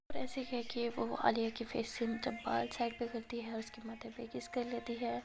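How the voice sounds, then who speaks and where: Woman telling a story all hushed n chatty, kinda gravelly, higher pitched. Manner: soft, half-whispered, conversational.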